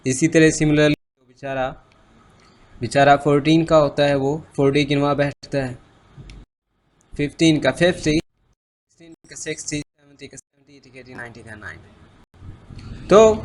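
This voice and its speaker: A man teaching a spoken lesson, drilling number words slowly with clear stress. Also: on the high side. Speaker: English teacher.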